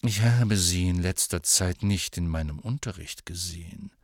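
A man's voice: sits low, moderate pace, dry recording, clean studio sound, voice pushed down. Professor Trelawney, tipsy and huffy, voiced by a man. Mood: cool. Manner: slurred, sulky, huffy. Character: tipsy, resentful older female teacher.

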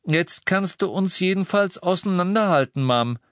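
Ein Mann, der in einem Hörbuch einen verletzten jungen Mann spricht, der gedehnt und trocken Witze macht. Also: male voice, high-pitched, expressive, moderate pace, a bit bright, dry recording, clean studio sound, pitched above the performer's own voice. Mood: joking. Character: wounded young man, joking twin.

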